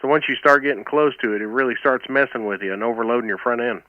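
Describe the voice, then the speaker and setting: A man's voice: mid-range voice, fast talker, no echo, phone-quality sound. An American man hosting an amateur radio net, chatting casually and calling for check-ins over a two-way radio. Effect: heard over amateur two-meter radio. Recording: band-limited two-way radio.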